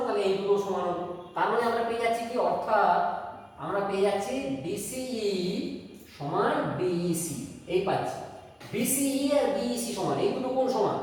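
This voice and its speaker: A woman's voice: mid-range voice, darkish tone. A woman teaching a math class, explaining step by step and checking in with her students. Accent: Bengali. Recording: echoey room from far off, faint noise.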